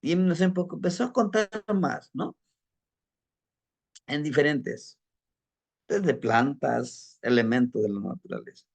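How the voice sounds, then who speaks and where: A man's voice: fairly high pitch, takes it slowly, gravelly, long pauses. A man teaching a group about ancestral tradition, telling a student's story and asking his listeners rhetorical questions. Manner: storytelling, acting out a student's account; addresses listeners as brothers, asks rhetorical questions.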